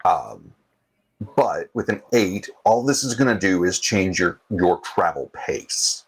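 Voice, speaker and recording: A man narrating as game master of a tabletop game, relaxed and searching for words with many fillers. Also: deep voice, slow, breathy edge, rough recording.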